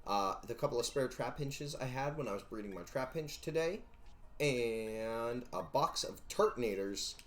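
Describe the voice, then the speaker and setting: A man's voice: mid-range voice, lively intonation, normal speed, fairly bright tone. A young man streaming a game, chatting casually, rambling and joking as he counts eggs and sings to himself. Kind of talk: casual live-stream chatter while gaming.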